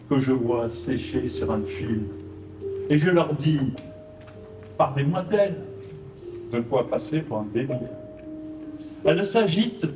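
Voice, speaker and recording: A man with a Provençal French accent reciting his poems on stage at an art exhibition, with short spoken introductions between them. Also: on the high side. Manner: measured, rhythmic verse delivery with brief spoken introductions. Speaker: poet. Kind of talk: live poetry recital. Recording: roomy live recording from a distance. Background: zither accompaniment.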